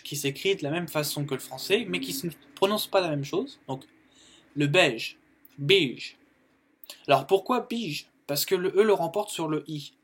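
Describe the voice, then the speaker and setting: A French-speaking man teaching colour words in a casual video lesson, repeating each word and using plenty of fillers. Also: a little high. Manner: explains slowly, repeats words, many fillers. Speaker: YouTube English teacher.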